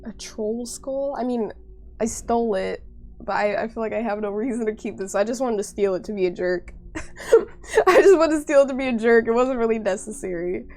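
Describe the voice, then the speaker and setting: A woman livestreaming gameplay talks casually and directly to her viewers, saying "like" a lot and sounding congested from a cold. Her voice is a little high and a little mellow with lively intonation at a moderate pace, with faint music in the background.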